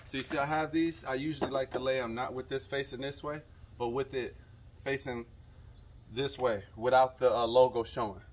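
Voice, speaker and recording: Faint outdoor hiss accompanies this young fishing channel host as he casually demonstrates a how-to in a suburban driveway, captured by a camera mic that keeps moving closer and farther. He speaks to viewers directly at normal speed and an everyday mid pitch, relaxed and instructive.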